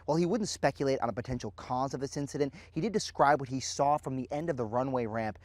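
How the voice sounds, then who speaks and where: A man's voice: mid-range voice, fast talker, no room sound. A man narrating a scripted television news report as a field reporter.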